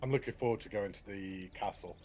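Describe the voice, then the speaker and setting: A man's voice: fairly low pitch, a little fast, a little mellow. A man chatting casually as a gaming co-host, easygoing and rambling with tag questions, on a headset. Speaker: co-host of a park tour.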